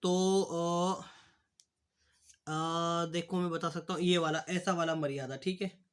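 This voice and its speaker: A young adult man teaching a class, working through textbook answers in a halting way, often restarting words and repeating a filler phrase. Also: on the high side, steady tone. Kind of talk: classroom lesson explaining answers.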